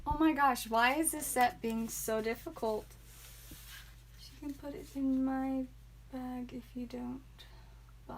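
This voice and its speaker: A woman's voice: high-pitched, slight background noise. A woman hosting a live card-opening stream, chatting and giggling with viewers, tired and a bit loopy. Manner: chatty, giggly, talks to chat viewers by name. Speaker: livestream card seller and host.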